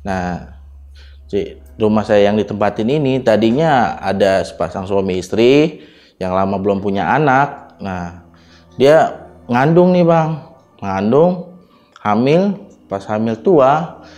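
A man's voice: medium pitch, expressive, slow, pauses often, a little mellow. Man casually telling a ghost story. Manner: colloquial, addresses listener as Bang, acts out quoted dialogue.

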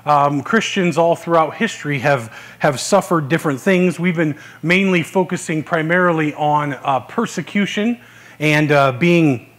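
A man giving a Sunday sermon as pastor, talking in a relaxed, conversational way with many "uh" fillers. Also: a little high, a little slow. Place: church service, live-streamed.

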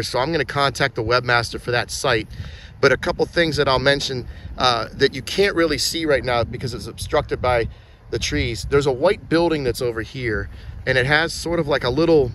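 Holding a phone outdoors, a man casually narrates a tour of filming locations in a small town, pointing out details on the street and at shop windows. His medium-pitched voice is a bit bright, and the recording carries a little hiss or hum. He's chatty and restarts often.

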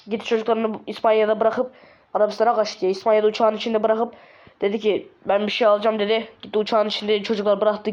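A woman at an ordinary pitch, rambling and exasperated in a solo comedy sketch. She often shouts in frustration. The recording sounds dull and lo-fi.

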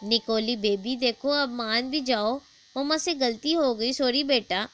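A woman's voice: a little high, a bit bright, close to an everyday voice. A woman voicing a harried mother of two young daughters in a storybook, talking emphatically in a raised voice. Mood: coaxing. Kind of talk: storybook dialogue.

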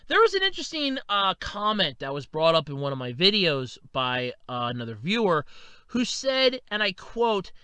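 A man in his thirties giving a casual opinion monologue, swinging between loud outbursts and low mutters. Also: clear, resonant tone, no room sound. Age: 30s. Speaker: video commentator.

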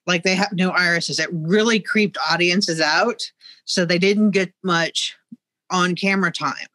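A middle-aged woman talks over a video call from inside a museum. Her voice is bright and sharp, and she comes across as knowledgeable but pauses with frequent ums. The sound is dry, with very little room. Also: lowish voice, dry recording. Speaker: museum guide. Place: museum exhibit room, indoors. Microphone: video call, webcam.

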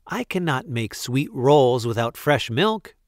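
A man's voice: medium pitch, big pitch swings, slow pace, no room sound, studio quality. A man voicing a humble, anxious village baker in a storybook, pleading and distressed. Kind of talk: storybook read-aloud character voice.

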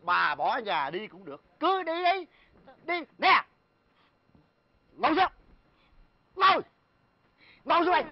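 A woman playing a gruff, bossy country father. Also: sits high, wildly swooping pitch, highs cut off, heavily acted. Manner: blunt, bossy, quick to panic. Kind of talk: stage comedy sketch.

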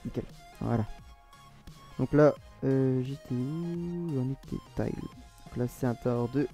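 A man with a French accent talks through a screen-recorded modding tutorial in a very dark, mellow voice. He rambles, hesitates and corrects himself as he goes. Faint music plays underneath. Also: medium pitch, measured pace. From France.

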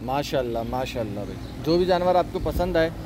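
कराची के उर्दू लहजे वाला एक आदमी, बाहर के फार्म पर जानवर दिखाते हुए कैमरे के पीछे से कमेंट्री करता है, बार-बार माशाल्लाह कहता है और संभालने वालों को बछड़ा चलाने के निर्देश देता है।. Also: male voice, mid-range voice, expressive, normal speed, noisy background. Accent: Karachi Urdu. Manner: keeps saying mashallah, calls out orders to handlers. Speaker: cattle market vlogger. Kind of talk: off-camera commentary showing livestock. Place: outdoor cattle farm yard.

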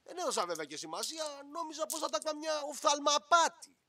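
An actor plays a nosy old villager in a children's radio play who meanders and hedges through every sentence. The voice is bright and swings up and down a great deal. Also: sits high, big pitch swings, full character voice. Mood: rambling. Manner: rambling, hesitant, nosy. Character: rambling, gossipy old village man.

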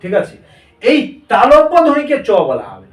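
A man's voice: very high-pitched, huge pitch swings, moderate pace. A male teacher giving a grammar lesson to a class. He drills the students with call-and-response questions and repeats their answers back. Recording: echoey room, mic far off.

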